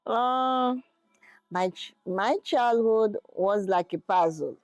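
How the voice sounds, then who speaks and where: A woman's voice: medium pitch, takes it slowly, no room sound, soft background music. A middle-aged woman from Haiti with a Haitian accent, English not her first language, answering interview questions hesitantly while searching for words. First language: Haitian Creole and French. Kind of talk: casual interview.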